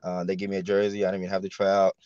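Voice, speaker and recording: A man's voice: sits low, monotone, darkish tone, smooth, dry recording. A young man from Haiti, a college punter, talking casually on a video call with frequent fillers and restarts. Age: young adult. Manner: halting, many fillers and restarts. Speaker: guest, college football punter. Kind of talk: casual interview. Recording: dull lo-fi video call audio.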